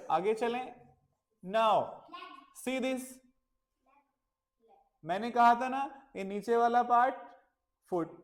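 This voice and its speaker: A male teacher giving a children's English lesson, patiently repeating words and spelling them out letter by letter, mixing Hindi with simple English phrases. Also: high voice.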